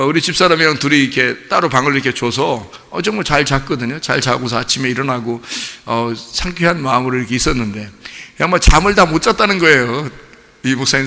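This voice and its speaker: A middle-aged man preaching a sermon as pastor, telling a story in an animated way and imitating animal cries. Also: fairly high pitch, creaky. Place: church sanctuary. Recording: long reverb of a church hall.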